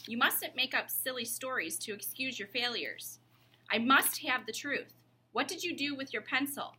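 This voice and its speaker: Woman as a firm schoolteacher, bright voice. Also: sits high, normal speed, slight background noise, voice pushed up. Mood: stern, demanding. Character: stern but concerned female primary school teacher.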